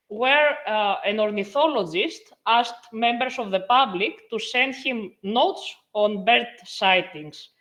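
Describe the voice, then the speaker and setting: Young woman, from Greece, online lecture, bright voice, friendly, filler pauses, video call. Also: fairly high pitch. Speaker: guest lecturer.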